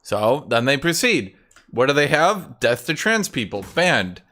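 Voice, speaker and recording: Young male streamer, sarcastic casual chat, bright edgy voice. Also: mid-range voice, big pitch swings, measured pace. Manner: sarcastic, mocking, swears freely. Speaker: game streamer. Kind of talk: casual live-stream commentary.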